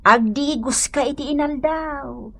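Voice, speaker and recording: Playing an older woman who earnestly advises a young wife, this Ilocano-accented actress delivers a heavily acted radio drama role in an emphatic, motherly, scolding way. Her voice sits high and sounds gravelly and sharp, and she doesn't hurry.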